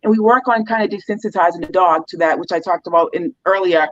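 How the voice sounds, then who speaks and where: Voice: medium pitch, fast. A dog trainer explaining behaviour problems in a loose, casual interview, with many ums and you-knows. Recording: dull, slightly lo-fi sound.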